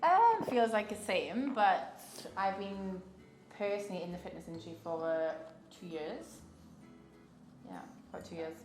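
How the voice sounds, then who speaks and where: A woman's voice: medium pitch, expressive, normal speed. A woman aged about thirty chatting casually as she answers interview questions. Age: 30s. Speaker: fitness coach. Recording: roomy, music behind.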